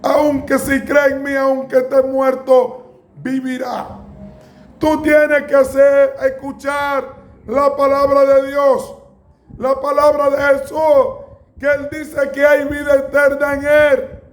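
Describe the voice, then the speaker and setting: A man preaching a sermon in a slow, emphatic way, with bursts of raised voice. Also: very high-pitched, monotone.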